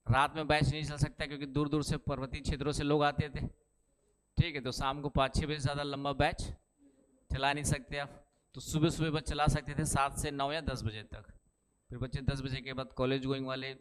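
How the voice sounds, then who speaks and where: Chatty male teacher with a smooth voice. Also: medium pitch. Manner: chatty, asks the class questions; keeps saying "ठीक है" and "है ना". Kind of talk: lecture with personal stories.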